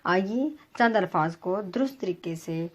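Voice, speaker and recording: A woman teacher giving a pronunciation lesson to students, reading words slowly and spelling out their vowel marks with frequent hesitations. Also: medium pitch, lively intonation, highs cut off, background noise. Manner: careful, formal delivery with frequent hesitations. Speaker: Urdu teacher.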